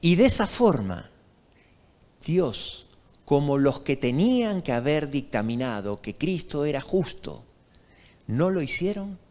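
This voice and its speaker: Preacher, lively pitch, reverberant church. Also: male voice, unhurried. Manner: storytelling, asks the congregation questions. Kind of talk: sermon. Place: church sanctuary.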